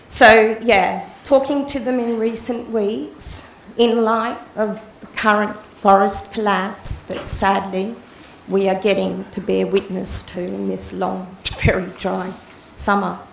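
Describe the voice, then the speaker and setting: A woman with a croaky voice from a cold, speaking earnestly through a mask as a resident at public question time. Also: mid-range voice, a bit bright. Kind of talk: prepared public statement. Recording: echoey chamber, faint room hiss.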